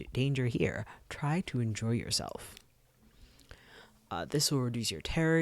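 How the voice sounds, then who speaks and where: A streamer playing a video game, reading the game's text aloud with frequent ums and quick side comments into a close desk mic. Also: medium pitch, no echo.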